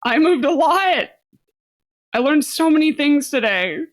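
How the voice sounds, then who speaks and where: A woman's voice: high voice, lively intonation, measured pace, a bit bright, voice pushed up. A woman voicing a naive, childlike young woman who talks eagerly and earnestly. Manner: bubbly, earnest, wide-eyed.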